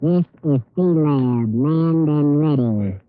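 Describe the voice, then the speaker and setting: A man speaking from an undersea habitat in a high, garbled helium voice through an unscrambler, giving a clipped radio check-in over a distant lo-fi radio link. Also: slow pace, no echo.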